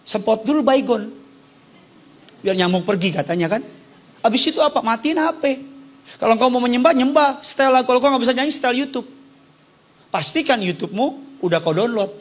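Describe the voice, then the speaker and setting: Male pastor, church sermon, very high-pitched voice, impassioned, call-and-response, humorous. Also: brisk, pauses often. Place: church service.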